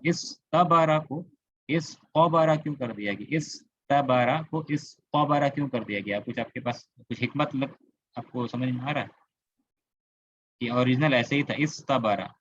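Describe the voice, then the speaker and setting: A man's voice: medium pitch, dull audio, slight background noise. A man with a Kolkata Indian accent teaching Arabic grammar in an online class, explaining patiently, repeating words and asking students questions. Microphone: computer mic on a video call.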